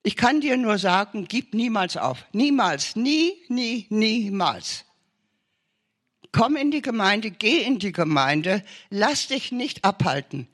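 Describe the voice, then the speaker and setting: Male preacher, high voice with animated pitch, urgent emphatic exhortation. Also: measured pace, hardly any pauses. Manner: urgent, emphatic exhortation with repeated short commands. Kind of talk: sermon testimony.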